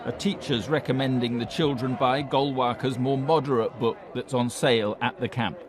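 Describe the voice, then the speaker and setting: A man's voice: mid-range voice, fairly even intonation, moderate pace, crowd noise. A man reading a scripted documentary narration. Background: music.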